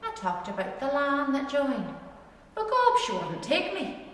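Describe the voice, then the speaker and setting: A woman's voice: high voice, huge pitch swings, measured pace, a bit bright, voice pushed up, full character voice. A woman reciting dialect verse as a rueful, ageing bachelor farmer, with an Ulster Scots accent and a lilting, rhyming storyteller delivery. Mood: resigned. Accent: Ulster Scots, Northern Irish. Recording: very echoey hall, distant microphone.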